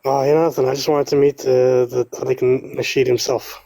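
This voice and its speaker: A male caller with a Moroccan North African accent touched by Canadian speech chats casually. His voice is mellow and dry, and he talks at a quick clip. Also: medium pitch, level tone, gravelly, no echo. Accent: Moroccan North African with Canadian influence. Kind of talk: casual chat.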